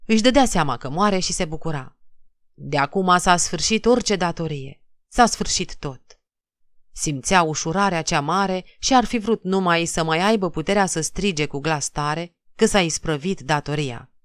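A woman narrating an audiobook of a classic novel in a measured, dramatic reading. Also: lowish voice, animated, dry recording, clean studio sound. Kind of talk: scripted literary narration.

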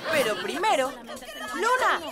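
A woman voicing a scheming, exasperated young boy in a Latin American Spanish cartoon dub, expressive and theatrical. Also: high-pitched, measured pace, a loud crowd. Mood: eager, scheming.

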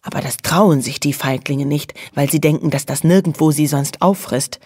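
A woman voicing a fearless, bossy young female dormouse who gives brisk, conspiratorial commands. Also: deep voice, darkish tone, husky, no room sound, studio quality.

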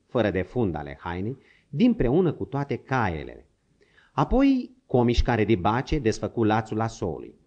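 Man narrating an audiobook, very animated. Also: medium pitch. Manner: dramatic storytelling.

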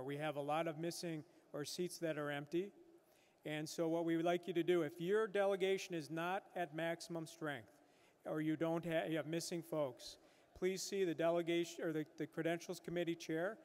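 A man's voice: fairly high pitch, darkish tone. A middle-aged man at a podium microphone chairing a convention floor, giving procedural instructions in a businesslike way, with some fillers. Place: large convention hall stage. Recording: long hall reverb.

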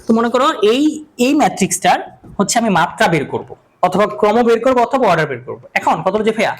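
A man's voice: sits high, poor audio. A man teaching a math lecture, asking questions and answering them himself, and repeating key terms over and over.

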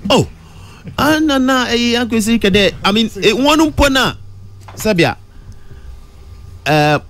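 A middle-aged Ghanaian man talking in a radio studio, mixing Twi and English, his pitch leaping up on questions. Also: animated, unhurried, a bit bright. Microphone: studio mic close to mouth.

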